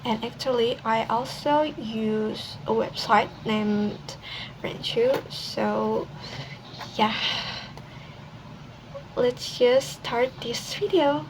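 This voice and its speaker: A young adult Indonesian woman, a university student, gives a casual presentation in her second language with an Indonesian accent. Her voice is fairly high, and she pauses and restarts often. Steady background noise runs through the recording.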